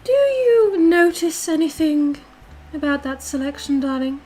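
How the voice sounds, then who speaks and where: In this in-character roleplay stream, a woman answers chat as "Duchess," an overbearing aristocratic dominant girlfriend with a high-pitched, snooty British voice. She's very animated yet a touch mellow, imperious and condescending, drawing out words for emphasis in a pompous, demanding tone.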